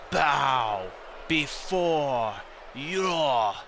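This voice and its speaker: A man playing an arrogant, boastful wrestling champion who talks down to his challenger with drawn-out emphasis. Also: on the high side, lively intonation, noisy background, exaggerated voice. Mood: boastful, commanding. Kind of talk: hobby wrestling storyline role-play.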